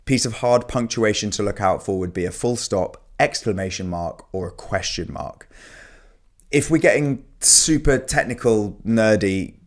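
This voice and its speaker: A man's voice: lowish voice, measured pace. A man teaching an exam revision lesson, explaining in an informal, chatty way with fillers.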